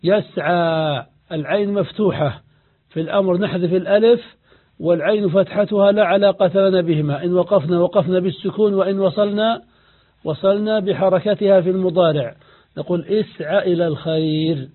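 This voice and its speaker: A high-voiced man gives a patient classroom grammar lesson, repeating each rule and putting questions to his students. The sound is thin and tinny, as if it came down a phone line. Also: fairly quick. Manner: patient, explanatory, repeats key rules and asks the class questions. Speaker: Arabic grammar teacher.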